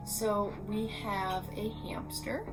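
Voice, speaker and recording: A woman chatting casually with her fiancée in a home vlog, laid-back and unhurried. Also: medium pitch, steady tone, over music, poor audio. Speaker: vlogger. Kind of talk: casual chat. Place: home room.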